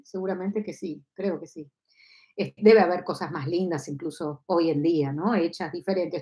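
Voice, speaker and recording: Medium in pitch with a darkish tone, the voice belongs to a Kabbalah teacher in her fifties who has an Argentine Spanish accent. She leads a live online lesson from her home study through a lapel microphone. Explaining as she goes, she frequently asks listeners to agree and checks they understand.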